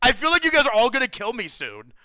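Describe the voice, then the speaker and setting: Excitable high-voiced young male streamer. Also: quick pace, no echo. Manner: excitable, slangy, says bro a lot, laughs often. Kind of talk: casual chat with stream viewers.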